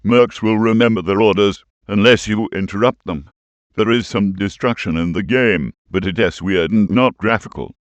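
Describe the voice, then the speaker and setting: A man's voice: on the low side, moderate pace, no echo, highs cut off. An old-fashioned synthetic male text-to-speech voice reading a scripted review in a stilted, robotic way. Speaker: game reviewer.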